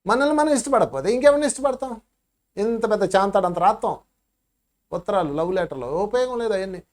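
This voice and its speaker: A meditation teacher in his fifties gives a spiritual talk to his listeners. He tells his stories in an animated way, dropping his voice low and then rising loud again. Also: a little fast. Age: 50s. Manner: animated storytelling with sharp swings in loudness.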